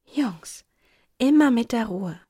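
A woman voicing a calm, direct, self-assured girl in a storybook reading. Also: fairly high pitch, takes it slowly, slightly rough, heavily acted. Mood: composed. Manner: composed, direct.

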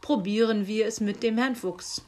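A woman's voice: medium pitch, moderate pace, a little mellow, natural voice. A woman reading aloud and voicing a grumpy, stubborn old Saint Nicholas who grumbles. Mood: grumbling. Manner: gruff grumbling delivery.

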